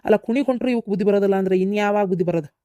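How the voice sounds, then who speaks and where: Cartoon: woman playing a level-headed daughter with a North Karnataka accent, quick and firm, dry close sound. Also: medium pitch, dark tone, no echo, lightly acted. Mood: complaining. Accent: North Karnataka Kannada. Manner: reproachful, firm. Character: level-headed young woman scolding her mother. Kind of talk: cartoon voice acting.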